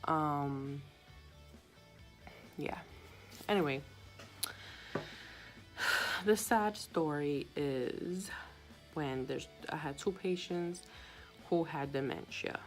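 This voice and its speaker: A woman's voice: sits low, steady tone, slow pace, pauses often, soft background music, poor audio. A young woman who works as a hospital sitter, telling a story in a chatty, subdued way with many fillers and recording on her phone. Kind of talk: casual story-time vlog.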